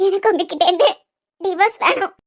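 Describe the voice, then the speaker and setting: A voice actor playing a hurt but resolute young wife in a cartoon serial, with a Kanyakumari Tamil accent, pleading yet firm. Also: a little fast. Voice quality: very high, bright voice.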